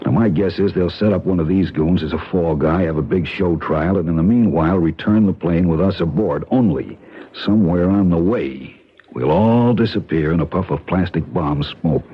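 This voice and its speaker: A man with a low, slightly breathy voice speaks at a moderate pace, acting as a tough government agent in a 1970s radio drama. His tone is dry and matter-of-fact. The sound is dull and faintly hissy, like an old radio broadcast.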